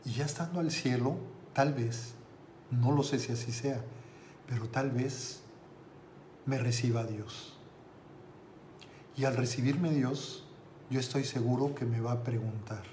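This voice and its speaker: A man voicing a weeping old male lama who fears facing God, speaking slowly and sorrowfully. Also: mid-range voice, dark tone, a little hiss or hum, close to an everyday voice. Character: tearful old male lama fearing judgment. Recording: roomy with faint ambience.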